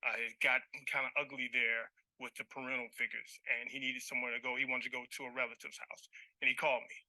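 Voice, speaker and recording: A man litigant defending himself to a judge, halting and stammering, often repeating his words. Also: mid-range voice, level tone, bright, forceful tone, dry recording, poor audio. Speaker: litigant on a TV court show.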